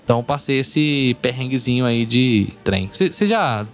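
A man hosts a relaxed chat and tells a travel story with a lot of expression. His voice sits at a middle pitch for a man, and soft music plays faintly underneath. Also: normal speed.

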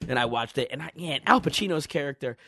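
Man, high lively voice, bright tone, teasing, halting, dry sound. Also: dry recording. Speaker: podcast co-host. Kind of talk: casual chat.

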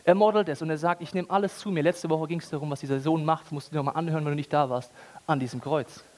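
A man's voice: fairly high pitch, fast. A man preaching a casual, ironic sermon with everyday language and humor. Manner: animated, ironic, colloquial.

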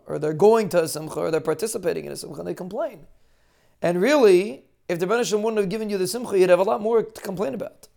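A man with a Yiddish-inflected accent giving an informal sermon in an earnest, halting, emphatic way, often repeating phrases. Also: fairly high pitch, gravelly. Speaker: religious speaker giving a short daily talk.

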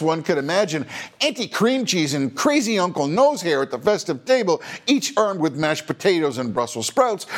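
A man hosting a podcast, delivering a scripted commentary monologue with wry, sarcastic and theatrical emphasis. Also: sits high. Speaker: podcast host.

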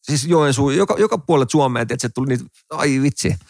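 A man chatting casually on a podcast, agreeable and quick to say yes, often restarting his words. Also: mid-range voice, a little mellow, no room sound, clean studio sound. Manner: agreeable, frequent "joo" backchannels, stammers on restarts. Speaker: podcast co-host. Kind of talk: casual chat.

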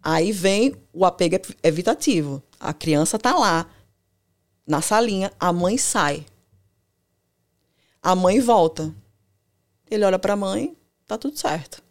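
A woman therapist, explaining ideas in a podcast conversation, animated and laughing easily, often acting out quotes. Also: mid-range voice, takes it slowly, long pauses. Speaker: family and couples therapist, guest.

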